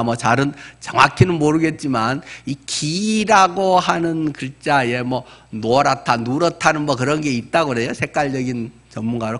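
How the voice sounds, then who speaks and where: A pastor around sixty, with a mid-range and fairly bright voice, delivers a sermon. His style is conversational and explanatory, with asides and rhetorical questions.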